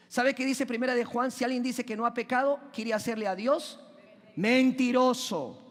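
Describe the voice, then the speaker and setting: High-voiced preacher in a reverberant church. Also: male voice. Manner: questions the congregation and asks them to call out answers; emphatic, drawn-out stresses on key words. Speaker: pastor. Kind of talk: preaching a sermon. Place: church sanctuary. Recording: long hall reverb in a church.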